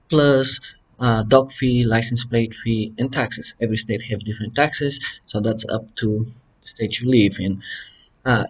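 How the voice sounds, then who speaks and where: A man from Bulgaria, a dealership finance manager giving relaxed, step-by-step advice in a casual home vlog from his kitchen. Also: medium pitch. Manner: relaxed, plain-spoken, step-by-step instructions. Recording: slightly dull lo-fi recording.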